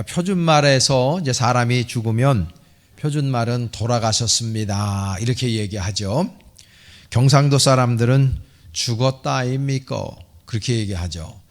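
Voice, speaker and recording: Middle-aged pastor preaching a sermon. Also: male voice, medium pitch. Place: church sanctuary.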